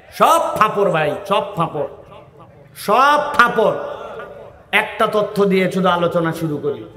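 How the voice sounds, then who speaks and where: Fiery male preacher, high voice, shouts at the crowd, long echo behind. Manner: shouting, rousing the crowd with call-and-response questions. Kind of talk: fiery outdoor sermon. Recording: echoey hall with long reverb.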